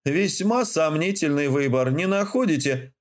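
A man's voice: on the high side, lively intonation, measured pace. A man voicing a tense, brooding young male naval officer in an audiobook, speaking curtly. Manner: curt, sardonic.

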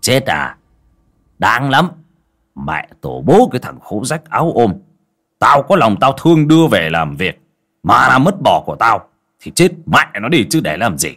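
A man's voice: mid-range voice, very animated, a little slow, pitched above the performer's own voice, heavily acted. A man voicing a brutal old rich landowner, barking abuse at his servants. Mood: contemptuous. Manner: barking, shouting, abusive.

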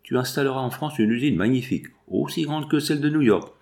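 A man's voice: mid-range voice, lively intonation, fast, a little mellow, voice pushed up, natural voice. A man reading aloud and voicing a willful, impetuous eighteen-year-old girl who pleads insistently.

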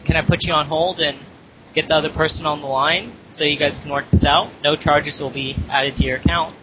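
A man posing as a phone operator on a prank call, talking in a halting way full of ums and uhs over a phone connection. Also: fairly high pitch, steady tone. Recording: muffled phone line with loud hiss.

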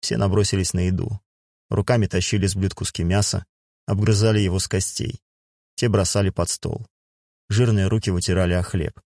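This low-voiced narrator has a creaky edge as he delivers a first-person fantasy audiobook steadily and evenly. Miked close and dry, the recording carries no room sound at all.

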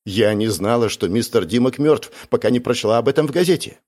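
A man's voice: medium pitch, animated, a little fast, darkish tone, close to an everyday voice. A man doing a tearful, frightened young woman. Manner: pleading, breathless swearing.

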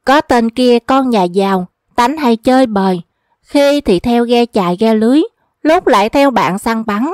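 A woman reading humorous folk tales aloud at a steady, even pace. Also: on the high side, unhurried, no room sound, clean studio sound. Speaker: storyteller.

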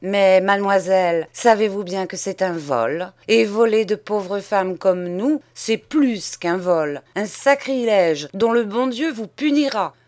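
A woman's voice: mid-range voice, takes it slowly, hardly any pauses, darkish tone, lightly acted. A woman reading an audiobook, voicing an indignant nun who scolds a maid with pious reproaches. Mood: reproachful.

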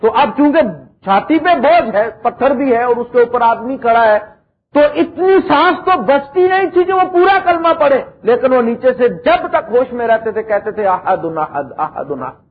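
High-voiced husky preacher guy, middle-aged, goes loud then quiet, sounds like an old phone-line tape. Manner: dramatic, swings from high emphatic lines to low quiet ones; recites verse lines slowly. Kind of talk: Urdu religious lecture. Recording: tinny phone-like lecture recording.

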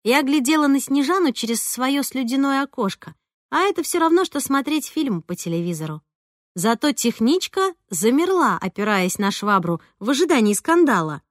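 Expressive woman reading an audiobook. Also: high-pitched, normal speed, no room sound, studio quality. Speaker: audiobook reader. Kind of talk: first-person audiobook narration.

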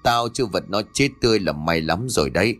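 A gruff, low, vengeful spirit hissing curses and threats through a possessed old man, as a male narrator plays him. The voice sits deep and rough, spiteful and stubborn, in a spoken ghost story. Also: animated, fast talker, fairly bright tone.

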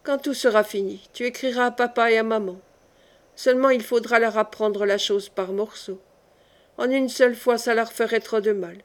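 A woman reading the part of a gentle young man on his deathbed, soft, weary and affectionate. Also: fairly high pitch, steady tone, normal speed, close to an everyday voice. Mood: tender.

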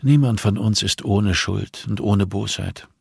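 In an audiobook crime story, a male narrator voices an older nun, a grieving mother who quietly accuses and speaks in riddles. His slightly husky, lowish voice is recorded close in a dry space, measured, solemn and heavily acted. The mood is resigned and ominous.

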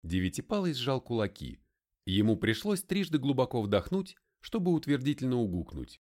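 A man reading an audiobook in the first person, his pitch rising and falling with great liveliness as he tells the story. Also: big pitch swings, normal speed, darkish tone. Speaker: narrator. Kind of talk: audiobook narration.

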